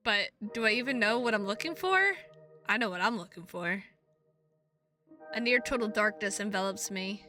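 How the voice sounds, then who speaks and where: Animated and bright, her mid-range voice carries a forceful tone at normal speed. A woman streaming a visual novel, she reads the text and banters goofily with viewers on a close microphone while music plays behind her.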